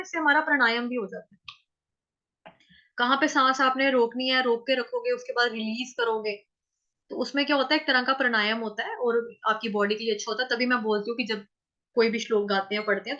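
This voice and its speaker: A woman teaching Sanskrit verse recitation in an online lesson, explaining pronunciation syllable by syllable and drawing out each chanted line slowly. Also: a little high, pushed and bright, highs cut off.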